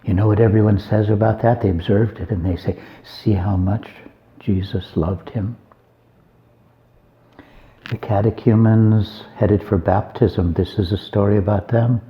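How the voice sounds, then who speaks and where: Man, low voice, folksy conversational homilist, muffled lo-fi sound. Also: fairly even intonation, unhurried. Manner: conversational, with folksy asides and joking. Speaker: abbot. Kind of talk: informal homily retelling a Gospel reading.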